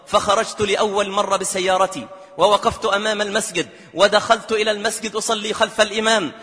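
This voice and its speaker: A man's voice: sits high, little pitch movement, quick pace, pushed and bright, husky. A man preaching a storytelling sermon with passion, at times rising into chanted verse, in a long hall reverb. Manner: impassioned, rises into chanted verse.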